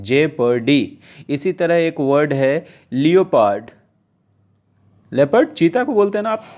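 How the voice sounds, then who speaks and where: A man teaches English vocabulary to exam students, reading news lines slowly and then explaining them conversationally with checking questions. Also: mid-range voice, a little mellow. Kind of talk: casual classroom-style lesson, mixing Hindi and English.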